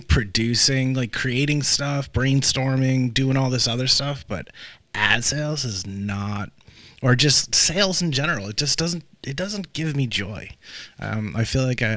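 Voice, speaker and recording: A man hosting a casual podcast chat, rambling freely and looping back with "um" and "like." His voice sits at an ordinary middle pitch. It is recorded close and dry, with no room sound. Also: fairly bright tone, no room sound. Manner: loose and chatty, with frequent fillers and restarts. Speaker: podcast host.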